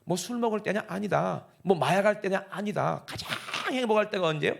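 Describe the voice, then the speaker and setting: A man with a Gyeongsang accent preaching a lively Sunday sermon in a church, often putting questions to the congregation. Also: sits high, brisk, vocal fry. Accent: Gyeongsang (Busan). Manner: animated, talks directly to the congregation with frequent questions. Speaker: pastor. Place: church sanctuary.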